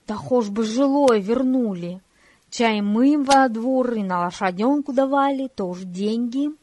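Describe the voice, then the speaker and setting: A woman's voice: a little high, a little slow, a little mellow, a little hiss or hum, lightly acted. A woman voicing a hot-headed, stubborn nobleman who protests with indignation. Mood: indignant. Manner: indignant, raised voice.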